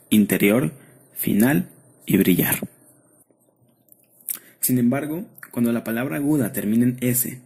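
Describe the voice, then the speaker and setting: A man with a Mexican accent reading a spelling lesson aloud in a steady, measured way. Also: mid-range voice, creaky, slightly rough. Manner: steady, measured reading of rules and word lists. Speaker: student presenter. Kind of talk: read-aloud lesson narration.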